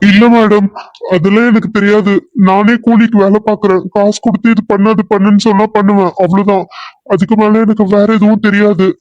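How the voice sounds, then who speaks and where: A man's voice: sits high, little pitch movement, fairly quick, a little mellow, no echo, natural voice. A man voicing a pleading hired helper. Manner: pleading, insistent denials. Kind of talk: cartoon serial voice acting. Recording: dull, dry lo-fi recording.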